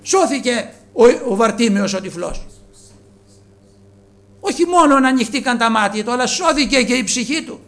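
A man delivers an earnest sermon in a strikingly high voice. He drops low and quiet, then lifts his voice as he calls on his listeners as brothers. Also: animated, vocal fry, long pauses. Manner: earnest, addresses listeners as brothers, swings between soft and raised. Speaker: preacher.

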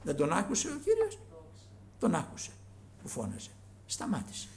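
A man preaching a sermon in a dramatic way, swinging from loud calls to hushed asides. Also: sits high, huge pitch swings.

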